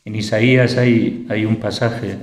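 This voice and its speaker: A man's voice: lowish voice, steady tone, measured pace, a little hiss or hum. A man preaching a sermon with a Spanish accent from Spain. He delivers it fervently, his voice climbing into bursts of praise. The room around him rings with a church hall's echo. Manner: fervent, rising to exclamations of praise. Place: church hall.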